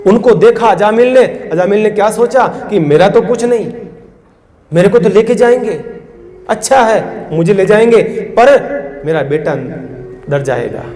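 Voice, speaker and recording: A man's voice: high voice, moderate pace, a little mellow. A man, a saint, giving a devotional storytelling sermon. He acts out the characters' cries and turns to the listeners with asides. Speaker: saint giving a religious discourse. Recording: reverberant hall, faint background music.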